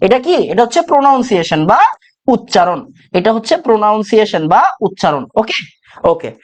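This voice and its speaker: A male chemistry teacher from Bangladesh gives an exam-prep lecture, repeating key phrases again and again and asking questions he then answers himself. His voice is very high with a darkish tone.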